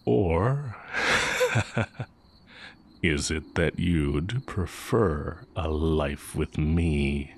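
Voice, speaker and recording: A man plays an exiled heretic sorcerer and former magic teacher, a sly, brooding, tender dark mage, in an extremely low, husky, slightly mellow voice with vocal fry. He speaks slowly and deliberately with long pauses, heavily acted and intimate like a fantasy audio roleplay. His mood is coaxing and teasing.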